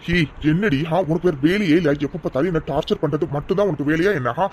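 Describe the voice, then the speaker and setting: A man's voice: fairly high pitch, fast talker, a little mellow, slight background noise, lightly acted. A man voicing a curt, mocking young man who brushes off a caller in a cartoon love story. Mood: irritated. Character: rude, dismissive young man. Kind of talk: cartoon voice acting.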